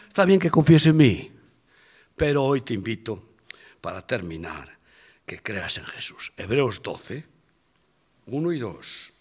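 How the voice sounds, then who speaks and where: An older man from Spain, preaching a sermon as a pastor, swinging between loud emphatic calls and hushed, near-whispered asides. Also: mid-range voice, very animated, measured pace, long pauses, breathy edge.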